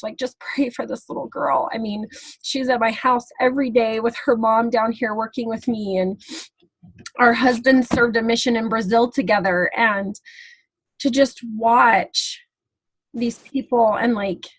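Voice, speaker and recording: A woman's voice: on the high side, breathy edge, no room sound, poor audio. A woman hosting a team webinar over a video call, talking in an emotional, rambling way with many restarts. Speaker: team leader, webinar host. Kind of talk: casual team webinar talk.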